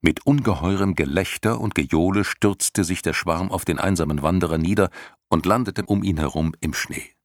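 A man narrating an audiobook in an expressive, animated storytelling manner. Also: low voice, normal speed, no echo, studio quality.

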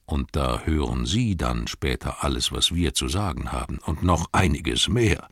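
A man voicing an old wizard who speaks slowly and knowingly, in a storybook reading. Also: extremely low pitch, animated, vocal fry, breathy edge, no echo, studio quality, voice pushed down, heavily acted. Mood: amused. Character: old wise wizard, dryly amused.

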